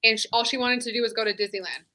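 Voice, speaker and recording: A woman's voice: fairly high pitch, fairly even intonation, very fast, bright, forceful tone. A woman in her thirties, a former deputy, telling her own story in a candid, conversational way, full of "like.". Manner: candid, conversational, many "like" fillers. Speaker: interview guest, former sheriff's deputy. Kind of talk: casual personal storytelling.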